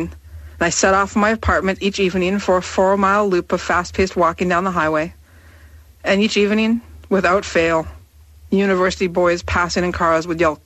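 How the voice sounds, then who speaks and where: A woman in her thirties reading her own personal essay aloud in a candid, wry, measured way. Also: fairly low pitch, a bit bright, no echo. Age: 30s.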